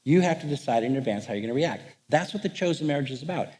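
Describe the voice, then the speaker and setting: A middle-aged man speaks from a stage as a counselor leading a seminar. His voice sits at an ordinary middle pitch. His delivery is lively and wry, full of jokes and stories. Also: fast. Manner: joking, animated storytelling. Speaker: marriage counselor. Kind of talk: live seminar talk. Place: on stage before a live audience.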